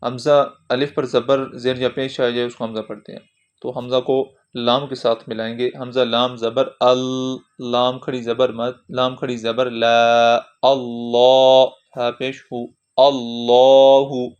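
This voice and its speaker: A man leads a word-by-word Quran spelling lesson, naming each letter and its vowel before blending them. His delivery stays flat and level throughout. The recording sounds dull and lo-fi. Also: medium pitch, smooth. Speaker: Quran teacher.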